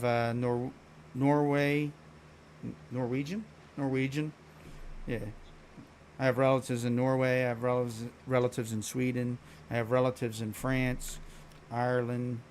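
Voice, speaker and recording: Here a Philadelphia live streamer chats with his viewers, telling rambling, profane, blunt stories full of restarts. The mid-range voice comes with slight background noise.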